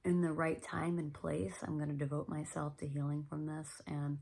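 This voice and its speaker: A woman with a low, gravelly voice shares her story in an earnest, reflective monologue. Her voice is husky and often sinks into a near whisper. She speaks gently, with plenty of pauses and fillers. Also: flat delivery. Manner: soft-spoken, often trailing into a whisper. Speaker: podcast host.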